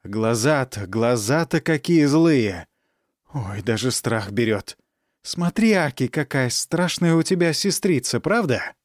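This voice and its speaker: A man voicing a sly, fawning peasant woman who speaks in a wheedling, drawn-out, falsely humble way in an audiobook. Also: mid-range voice, expressive, no echo, clean studio sound. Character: fawning, sly young peasant woman, nanny turned concubine.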